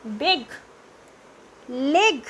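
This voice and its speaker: Slow, high-voiced woman teacher. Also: sing-song, fairly bright tone. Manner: spells words letter by letter, drawn out. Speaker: English teacher. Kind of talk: slow spelling-out lesson.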